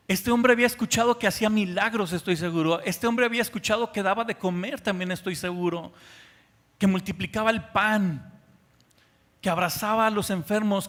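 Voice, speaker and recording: High-voiced preaching man in a reverberant hall. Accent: Mexican Spanish. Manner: impassioned preaching, swinging from soft to loud. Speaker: pastor. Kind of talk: sermon.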